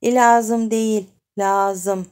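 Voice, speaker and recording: A prim, refined wife, fussy and exasperated, picking apart every word her husband says, as a woman voices her in an audiobook. The tone is mellow and low-key. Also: fairly even intonation, unhurried, close to an everyday voice. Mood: correcting.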